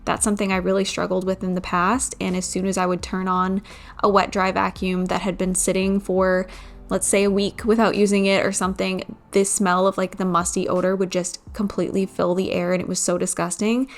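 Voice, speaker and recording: A woman in her thirties chatting through a home cleaning vlog. Her voice sits in a middle pitch, and she talks in a candid, slightly tired way. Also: flat delivery, brisk. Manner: chatty, candid, a little weary. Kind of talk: casual vlog voice-over.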